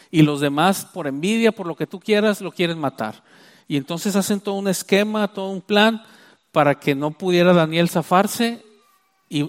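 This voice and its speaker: Emphatic preacher, higher voice. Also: male voice. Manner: emphatic, stresses key phrases with slow drawn-out words; repeats and restarts while explaining. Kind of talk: sermon.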